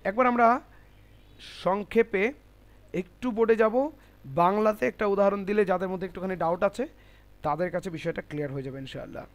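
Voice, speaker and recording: Patient high-voiced male teacher drilling syllables. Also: brisk, long pauses. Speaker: Arabic pronunciation teacher. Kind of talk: online class instruction.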